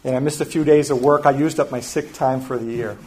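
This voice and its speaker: An older male pastor preaches a sermon, telling a family story conversationally and often dropping to a soft, quiet voice. His medium-pitched voice keeps a steady tone at a slightly fast pace.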